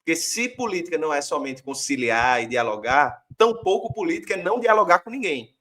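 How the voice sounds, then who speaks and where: Argumentative Brazilian man, slightly high voice. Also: very animated, a little fast, sharp tone. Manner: reflective, argumentative, many fillers. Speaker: guest author. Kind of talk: political discussion.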